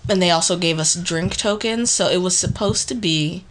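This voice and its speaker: Her voice sits fairly low and moves at a moderate pace. Co-hosting a podcast, this woman chats casually, spinning rambling, lively stories punctuated by frequent laughter.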